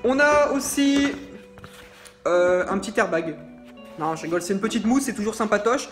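A man's voice: high voice, lively intonation, normal speed, fairly bright tone. Man, vape reviewer, joking unboxing vlog, self-mocking asides, faint music underneath.

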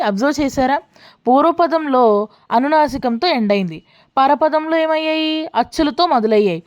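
A woman teacher explains grammar rules step by step, her voice sitting a little high. She slows right down to spell out each example, then checks in with the listener before moving on. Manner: asks the listener frequent check questions.

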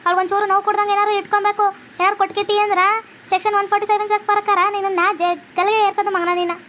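A woman, scolding and threatening in a village comedy skit. Her voice sits very high and she speaks at a furious pace, with a faint hum of noise behind her. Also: flat delivery, racing, fairly bright tone. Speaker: comedy sketch creator playing a police officer.

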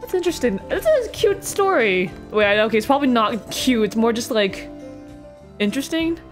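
A young woman streaming a let's play of a story game reacts in a casual, rambling way, giggling and trailing off mid-thought over faint game music. Her voice is on the high side, brisk, with big swings in pitch.

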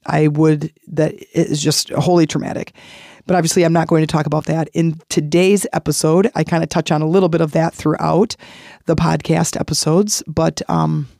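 A middle-aged woman with a raspy voice, hoarse from laryngitis, hosting a motivational podcast in a conversational, encouraging way. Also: deep voice, warm tone, no echo, clean studio sound. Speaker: podcast host.

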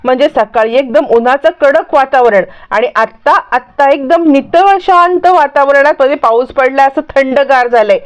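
A woman's voice: high-pitched, normal speed, few pauses, muffled recording, natural voice. A woman voicing a middle-aged husband who is puzzled and teasing, asking question after question. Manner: questioning, bantering.

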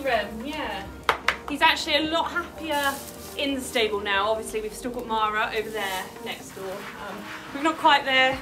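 A woman chatting casually to camera in a horse vlog, upbeat and talkative, also chatting to her horse. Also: high-pitched. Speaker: horse vlogger. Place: kitchen, car, then horse stable.

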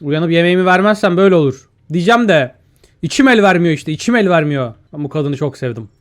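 Young male gaming YouTuber, slightly high voice, chatty let's-play commentary. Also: lively intonation, fast talker. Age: young adult. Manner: chatty, talks to himself and the viewers while playing; reads out in-game dialogue.

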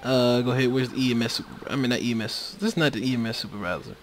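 A man chats loosely over his gameplay, wandering between thoughts and stumbling over restarts and filler words. He talks at an ordinary, mid-range pitch into a desktop USB microphone that occasionally drops out. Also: rapid-fire. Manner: rambling, many fillers and restarts. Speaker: video game commentator. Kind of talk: casual gameplay commentary. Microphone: USB microphone that cuts out.

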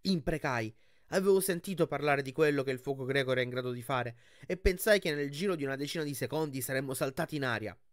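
A man hosting his channel, reading a novel aloud with expressive storytelling and then commenting on the chapter in a chatty, thoughtful way. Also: mid-range voice, fast talker, dry recording, studio quality. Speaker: audiobook reader and channel host.

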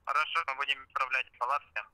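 A man speaks fast in stiff, formal phrasing, like an operator's script. His voice is bright and dry, and it comes over a glitchy phone line that breaks up and sounds distant. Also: medium pitch, fairly even intonation, no room sound. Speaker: caller posing as phone operator.

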